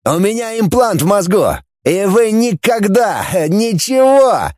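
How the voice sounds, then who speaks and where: A man's voice: high-pitched, sing-song, unhurried, darkish tone, no room sound, studio quality, voice pushed up. A man voicing a panicky captured male saboteur who shrieks and sobs under torture, in an audiobook. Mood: defiant. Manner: shrieking, sobbing in pain.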